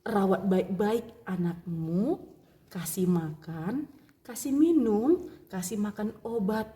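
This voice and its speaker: A woman voicing Jesus as a calm, gentle comforter, speaking softly and slowly in a lowered voice. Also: natural voice. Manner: soft, slow, reassuring.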